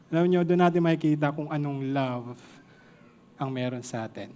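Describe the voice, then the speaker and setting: A man's voice: fairly high pitch, moderate pace, a little mellow, clean tone. A man with a Filipino accent preaching a sermon to a congregation, mixing two languages and joking with the listeners.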